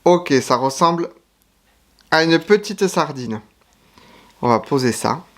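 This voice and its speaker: A man's voice: on the high side, animated, slow pace. A man giving casual food-tasting commentary to camera, chatty and frank, sometimes talking while chewing. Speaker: YouTuber tasting foreign food.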